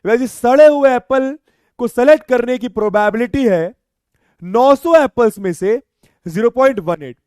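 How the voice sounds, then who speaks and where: A man's voice: very high-pitched, unhurried, darkish tone, no echo, clean studio sound. A man teaching maths in a live online class, joking and teasing his students and mixing in English phrases.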